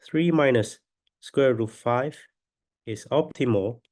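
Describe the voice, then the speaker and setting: A man lecturing on a mathematical proof step by step, with a stuffy nose from a cold and a halting, deliberate delivery. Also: medium pitch, a little mellow.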